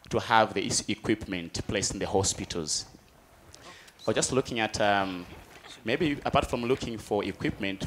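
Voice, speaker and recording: Earnest low-voiced man from Malawi. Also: slight background noise. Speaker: audience participant. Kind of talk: spoken comment at a panel.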